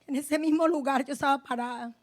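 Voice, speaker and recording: High-voiced woman pastor giving a passionate testimony. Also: steady tone, fairly quick. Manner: passionate, swinging between hushed and forceful; addresses listeners directly. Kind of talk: testimony in a sermon.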